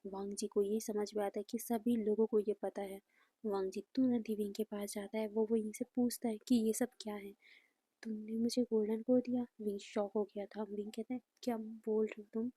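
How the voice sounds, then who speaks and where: A woman narrating a fan fiction story in a soft, breathy way that often drops near a whisper, recorded close to the mic. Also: medium pitch, flat delivery, a little fast, no echo.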